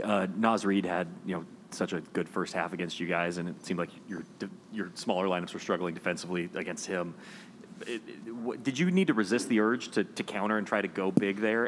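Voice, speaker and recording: A man reporter asking a question at a press conference in halting, restarting phrases. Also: low-pitched, a little hiss or hum.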